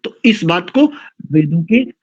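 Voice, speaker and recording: Male scripture teacher, slow and exacting, chants mantras, slightly raised pitch, muffled low-fi sound. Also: big pitch swings, breathy edge. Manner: deliberate, corrects pronunciation, chants Sanskrit mantras slowly. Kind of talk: religious class lecture. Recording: dull lo-fi recording.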